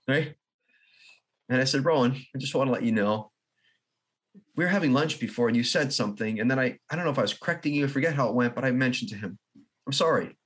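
A man who is a guest in an interview, telling a long personal story in an earnest, halting way with restarts and soft laughs. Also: medium pitch, breathy edge. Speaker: podcast guest.

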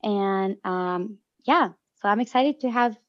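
A woman whose first language is Spanish, chatting loudly and animatedly as a life coach guest on a podcast. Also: mid-range voice, slow pace. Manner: loud and animated by her own account. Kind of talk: casual podcast chat. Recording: dull lo-fi sound.

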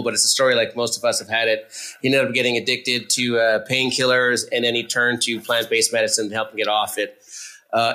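A man's voice: medium pitch, sharp tone. A man hosting a podcast interview, chatting casually and loosely with many fillers and restarts. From Canada. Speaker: podcast host.

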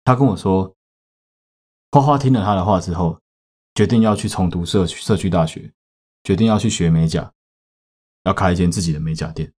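A man with a Taiwanese Mandarin accent tells a story in a low, deep voice. He talks casually as a podcast host, cursing freely and breaking into loud outbursts. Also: brisk, pauses often. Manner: profane, with sudden loud outbursts.

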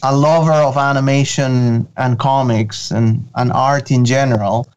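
Speaking at a measured pace in a steady, medium-pitched, darkish and clean voice, a Venezuelan man appears as a guest in a casual interview; the recording's highs are cut off. He's an animation studio's creative director and talks eagerly, with many fillers and restarts.

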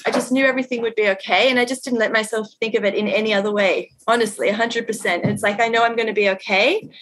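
Brief: woman guest, fairly high voice, earnest and animated storyteller. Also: fast. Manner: earnest, animated, uses 'like' often. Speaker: podcast guest. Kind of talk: personal storytelling in conversation.

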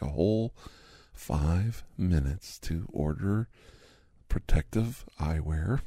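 A chatty male doctor in his fifties, played by a man in a whispered role-play, gravelly and dark-toned. He rambles in an easy, half-whispered way while giving a massage, close and dry on the mic. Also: deep voice, dry recording, full character voice. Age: 50s. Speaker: ASMR host.

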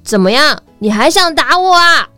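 A woman's voice: high-pitched, lively intonation, moderate pace, sharp tone, no echo, soft background music, voice pushed up. A woman voicing a mischievous third-grade boy who bullies a younger child in a children's storybook. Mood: cocky. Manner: cocky, then sheepish.

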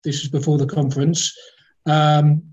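A former football club chief executive speaks as a guest in a casual podcast interview from Kazakhstan's capital. His voice is slightly high and darkish, with a level tone and moderate pace, heard over a dull call line. He rambles hesitantly, with many fillers and restarts.

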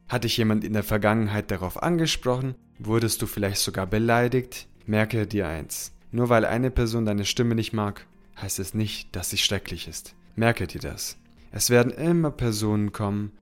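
Guy doing a solo podcast, pep-talk tone, soft music behind. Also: fairly low pitch. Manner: encouraging, addresses listener directly. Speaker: podcast host. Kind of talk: solo podcast monologue giving tips.

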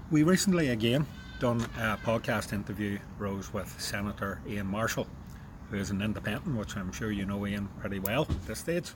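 Low-voiced man interviewing, noisy background. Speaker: podcast interviewer. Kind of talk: measured political interview questioning. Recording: clear background noise.

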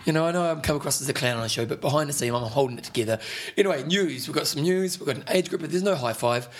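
A man's voice: a little high, rapid-fire. A man with a broad New Zealand accent hosting a podcast in casual, teasing banter full of slang. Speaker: podcast host.

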